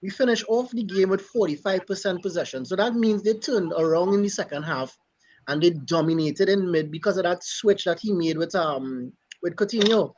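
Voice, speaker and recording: A man's voice: sits high, moderate pace, darkish tone, lo-fi sound, slight background noise. A man co-hosting a casual football chat, questioning and building his argument with statistics. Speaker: podcast co-host.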